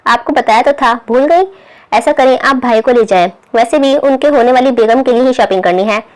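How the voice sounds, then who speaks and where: A playful teenage boy, read by a woman, teasing his family with mock horror. The voice sits fairly high. It is a storybook reading. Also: brisk, close to an everyday voice.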